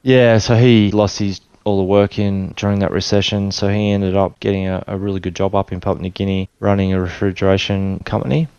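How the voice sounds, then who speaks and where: A man in his forties with an Australian accent, a guest telling his life story in a relaxed, rambling way full of restarts. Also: low voice, a little fast, hardly any pauses, clear, resonant tone, no echo, muffled recording. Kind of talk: casual storytelling interview. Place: his home.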